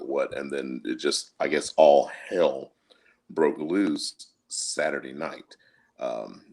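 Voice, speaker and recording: Really deep low guy on a podcast, casual, kinda halting as he talks. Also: gravelly. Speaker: podcast co-host. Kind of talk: casual chat, recounting events. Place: indoors at home, remote call.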